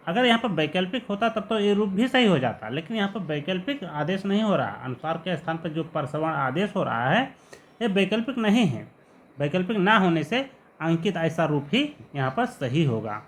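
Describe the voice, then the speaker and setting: Man teaching Sanskrit grammar, slightly high voice. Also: fairly bright tone. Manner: patient, repeats each example word slowly. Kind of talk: explanatory lesson.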